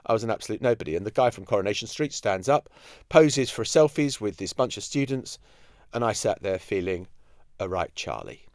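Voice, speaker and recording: Lively man, self-mocking host. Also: fairly low pitch, brisk, dry recording, studio quality. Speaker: podcast host. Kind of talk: closing anecdote to listeners.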